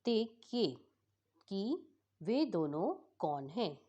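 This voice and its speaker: A woman teacher patiently explaining a school lesson for exam revision, repeating each word slowly. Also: mid-range voice, very animated, mellow, muffled recording.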